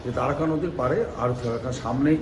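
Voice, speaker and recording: A man gives a hesitant, formal interview answer. The recording rings with echo and carries clear background noise. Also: medium pitch, fast. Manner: hesitant, formal, respectful titles. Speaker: local official interviewed. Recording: echoey room with noise.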